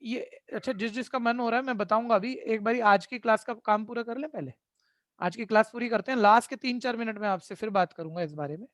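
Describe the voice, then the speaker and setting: Here a man teaches math online, his voice sitting high with a fairly bright tone and a quick pace. He lectures and scolds the class sternly, checking in over and over with "ठीक है?" as a math tutor would. The sound is dry and clean, like a studio.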